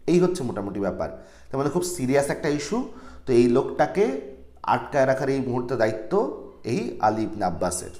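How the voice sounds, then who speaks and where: A male teacher reads old literary phrases aloud and then restates them in plain everyday speech. His pitch moves a lot from line to line. The room around him is echoey. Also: big pitch swings, a little fast, dark tone. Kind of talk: explaining a textbook story line by line.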